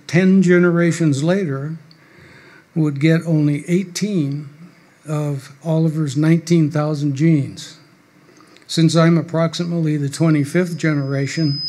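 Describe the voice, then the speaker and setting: Here the older guest speaker reads his dry, wry remarks from paper at a stand mic on a small club stage, keeping a measured pace. His voice is fairly high and a little mellow.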